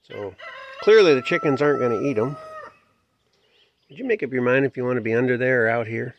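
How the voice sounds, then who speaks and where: A folksy man with a gravelly, creaky voice, narrating his farmyard on a handheld phone. The sound is dull and lo-fi, with chickens and outdoor noise behind him. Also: mid-range voice, brisk. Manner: relaxed, folksy, talks to animals. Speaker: homestead vlogger. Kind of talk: casual narration while filming. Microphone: phone camera held by the filmer.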